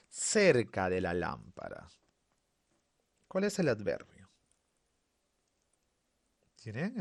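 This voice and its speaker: A man teaching a primary school grammar lesson online. He asks the class questions and then answers them himself. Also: lowish voice.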